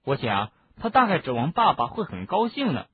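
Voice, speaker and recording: A man reading an audiobook, voicing a gossipy, indignant teenage boy wizard in a husky voice. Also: on the high side, wildly swooping pitch, fairly quick, no room sound, heavily acted. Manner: chatty, explaining at length. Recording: narrow phone-like lo-fi sound.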